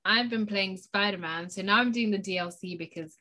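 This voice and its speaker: A woman chats easily on a podcast. Her voice is bright and clear. She lets her sentences trail off softly. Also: mid-range voice, a little fast. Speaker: podcast co-host. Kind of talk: casual chat.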